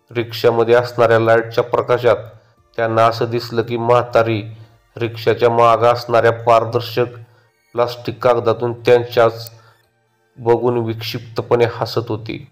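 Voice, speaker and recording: A man narrating a horror story in a steady, measured way. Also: mid-range voice.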